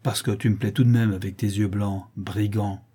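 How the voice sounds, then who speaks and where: A man's voice: on the low side, fairly even intonation, normal speed, dark tone, husky. A man reading aloud and voicing a spiteful, mocking one-eyed old woman crook. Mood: wheedling. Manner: mocking, wheedling, sneering.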